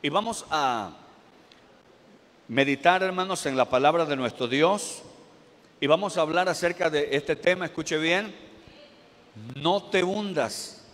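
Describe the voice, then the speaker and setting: A male pastor delivering a sermon to his congregation, reading scripture slowly and then preaching with rising force. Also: fairly high pitch, a bit bright. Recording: echoey hall.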